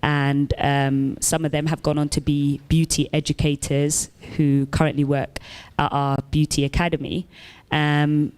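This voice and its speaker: A woman from Somalia speaking on a summit panel, measured and thoughtful, with many ums. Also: low voice, flat delivery, a little mellow, smooth. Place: conference hall stage.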